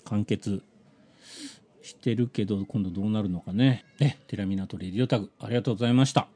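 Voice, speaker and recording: A man's voice: on the low side, fast. A man with a Hiroshima Japanese accent chatting casually on a live stream, telling stories animatedly and acting out conversations as he answers viewer messages. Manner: animated storytelling, acts out quoted conversations.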